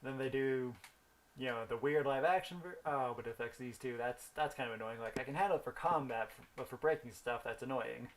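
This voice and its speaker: A man's voice: medium pitch, brisk. A young man rambling through a story while thinking aloud about the game he is playing. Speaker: gaming video host. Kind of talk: casual gameplay commentary.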